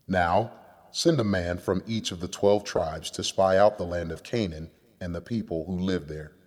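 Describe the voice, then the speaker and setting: A man voicing God in a children's Bible skit, speaking in slow, commanding proclamations. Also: low-pitched, a little mellow. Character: booming voice of God, commanding, solemn. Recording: long echoing reverb.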